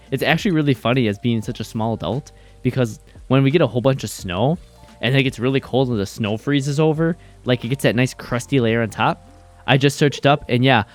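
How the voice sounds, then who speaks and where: A male streamer telling stories in casual chat while gaming, animated and swearing freely. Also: a little high.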